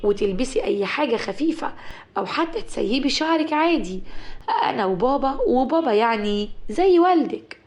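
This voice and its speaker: A woman's voice: high voice, lively intonation, a little fast, a little mellow. A woman voicing a polite but stern young man, speaking formally with an Egyptian accent. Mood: gentle. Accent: Egyptian Arabic.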